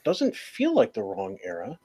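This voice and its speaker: A man's voice: medium pitch, wildly swooping pitch, a little slow, dark tone, a little hiss or hum. A man co-hosting a casual online chat, cracking jokes and hesitating with fillers. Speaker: co-host.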